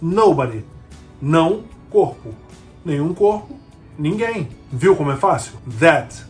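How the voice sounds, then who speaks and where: Guy teaching english, kinda high voice, repeats stuff slow and asks "got it?", soft music behind. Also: animated. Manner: patient, repeats key words slowly, asks checking questions. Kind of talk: explanatory language lesson.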